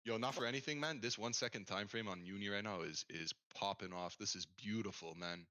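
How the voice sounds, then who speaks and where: Low, bright-edged laid-back stream host. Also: male voice, a little fast, no room sound. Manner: laid-back, laughs often, filler-heavy "like" and "man". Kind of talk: casual chat on a live stream.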